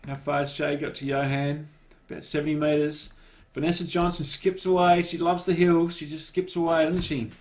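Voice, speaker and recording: A man giving relaxed, casual live commentary on a cycling race and cheering riders on by name. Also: on the high side, normal speed, few pauses.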